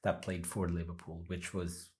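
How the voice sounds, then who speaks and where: A man from Finland who is a guest on an interview podcast, talking slowly and thoughtfully in casual conversation. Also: deep voice, little pitch movement, a little mellow. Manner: slow, reflective, with fillers. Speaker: guest, designer. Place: home, in Sweden.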